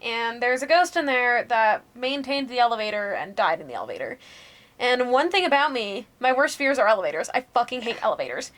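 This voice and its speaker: A young woman with a fairly high voice spins spooky tales in a loose, chatty way. She laughs easily, swears offhand and lowers her voice to a hush when the story turns creepy. It is a relaxed podcast conversation. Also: fairly quick. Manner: chatty, laughs and swears casually, hushes during spooky parts. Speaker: podcast co-host. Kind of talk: casual storytelling chat.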